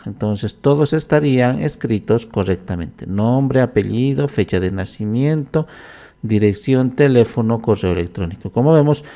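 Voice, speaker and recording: Male tutorial narrator, mid-pitched, warm and mellow, unhurried and explaining step by step. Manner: unhurried, thinking aloud with frequent "entonces". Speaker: software instructor. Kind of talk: screen-recorded software tutorial.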